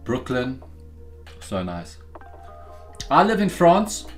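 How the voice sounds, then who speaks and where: Over soft background music, a young South African trading-stream host talks slowly in a mid-range voice with big pitch swings. His casual chat is upbeat and direct, and he calls his audience guys and bro.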